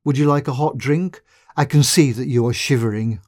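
A man reading a story, voicing a calm male detective who speaks soothingly. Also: mid-range voice, moderate pace, lightly acted.

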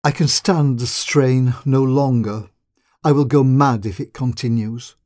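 A man's voice: medium pitch, steady tone, unhurried, a little mellow, no echo, studio quality, natural voice. A man reading a story, voicing a frightened young woman who pleads urgently for help. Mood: distressed. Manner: urgent, trembling pleas.

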